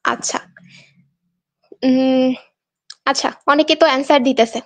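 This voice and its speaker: A young woman from Bangladesh teaches a live online exam class in a high voice. She talks in a chatty, coaxing way and reads out her students' answers. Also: steady tone, measured pace.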